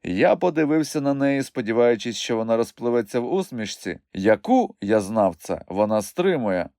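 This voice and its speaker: A man reading a novel aloud as a first-person audiobook narrator, in an expressive, animated way. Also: medium pitch, normal speed, dry recording, clean studio sound.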